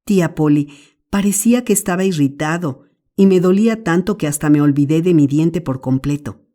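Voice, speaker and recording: A woman's voice: deep voice, normal speed, warm tone, lightly acted. A woman voicing a mischievous boy who whimpers and pleads theatrically, in an audiobook. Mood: pleading. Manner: whimpering, melodramatic. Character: mischievous boy faking illness.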